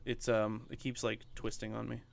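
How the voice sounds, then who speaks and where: A man's voice: lowish voice, monotone, moderate pace, gravelly, a little hiss or hum. A man streaming a farming game, chatting casually with viewers and using lots of fillers. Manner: chatty, talks to viewers while playing, many fillers. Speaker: gaming streamer. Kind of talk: casual let's play chat.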